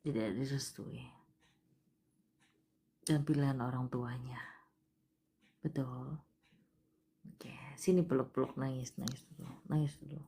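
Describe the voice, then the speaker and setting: A woman with a low voice hosts a live palm-reading session and talks straight to a caller. She coaxes and pushes, and her voice often sinks to a near whisper. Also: steady tone, measured pace, long pauses, breathy edge. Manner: coaxing, repeatedly urging the caller to cry; drops to soft, hushed delivery.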